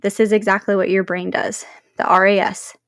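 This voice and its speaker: A woman speaking as a self-help podcast host, explaining in a chatty, encouraging influencer manner with deliberate phrasing and emphatic pauses. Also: mid-range voice, flat delivery, no room sound, clean studio sound. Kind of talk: motivational explainer monologue to listeners.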